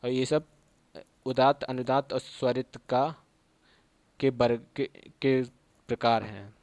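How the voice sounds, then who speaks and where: A man with a Hindi accent from Uttar Pradesh explains Sanskrit grammar in an exam-prep lesson. He has a mid-pitched voice and goes over each term again and again, often pausing to check that his listeners follow. The recording is close and dry, with no room sound. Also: fairly even intonation, a little mellow, dry recording. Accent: Hindi speaker from Uttar Pradesh. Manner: repeats key terms and checks in with "theek hai". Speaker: Sanskrit teacher.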